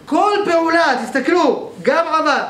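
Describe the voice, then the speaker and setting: Male teacher, high-pitched, lectures methodically and keeps checking in with students; roomy, echoey sound with faint noise behind. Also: a bit bright. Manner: explains step by step, often checks with the class. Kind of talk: grammar class lecture. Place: synagogue hall.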